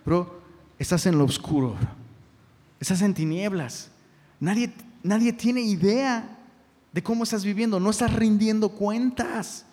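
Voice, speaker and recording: A man with a Mexican accent preaches a sermon in an easygoing, slangy way, often slipping into mocking imitations of his listeners' excuses. His voice sits somewhat high for a man. The sound trails off in the long reverb of a large hall. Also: measured pace, warm tone. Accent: Mexican Spanish. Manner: casual, slangy preaching, mimics objectors' voices. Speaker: pastor.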